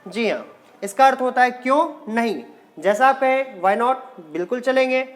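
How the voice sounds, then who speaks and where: Indian woman teaching English phrases slowly. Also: fairly high pitch, animated. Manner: drills short phrases, repeating them slowly; addresses learners as children and guys. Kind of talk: spoken English lesson.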